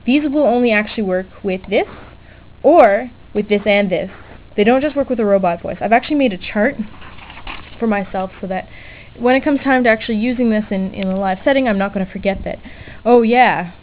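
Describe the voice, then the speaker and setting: A mid-range, brisk female voice leads an informal, unscripted DIY electronics demonstration. She chats, hesitates and often corrects herself along the way, recorded in tinny lo-fi webcam-era audio with background noise.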